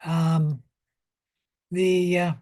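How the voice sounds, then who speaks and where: A woman lecturing on biology, explaining slowly and carefully with pauses, fillers and restarts. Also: deep voice, flat delivery, warm tone. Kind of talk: recorded micro lecture.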